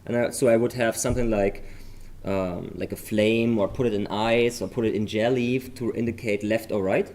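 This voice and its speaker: A man's voice: fairly low pitch, fairly even intonation, darkish tone. German-accented man commentating live. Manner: explanatory, enthusiastic, halting with fillers and restarts. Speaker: livestream commentator.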